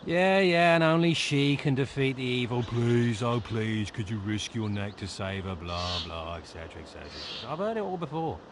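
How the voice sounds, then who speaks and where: An actor playing a sarcastic, greedy mercenary bard in a video game cutscene, mocking and impatient. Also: male voice, on the high side, fairly quick, hardly any pauses, background noise, natural voice. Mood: scornful.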